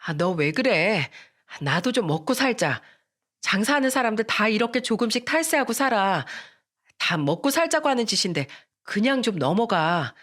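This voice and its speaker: A woman's voice: mid-range voice, very animated, moderate pace, a bit bright. A woman voicing a cornered young woman who begs and whines tearfully to her friend in an audio story. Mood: wheedling. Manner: whiny, begging, tearful pleading.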